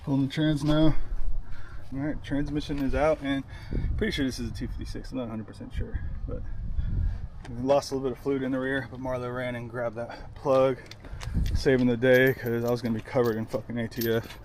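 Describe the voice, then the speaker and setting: A man's voice: medium pitch, brisk. Young dude working on a car in his garage, hyped, cussing, some faint noise around. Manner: excited, swearing, talks while working. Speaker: car builder vlogger. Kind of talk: casual garage vlog.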